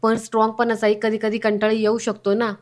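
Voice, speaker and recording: A woman's voice: a little high, completely flat delivery, a little fast, lightly acted. A woman reading the lines of a protective, emotional adult woman in an earnest, pleading tone.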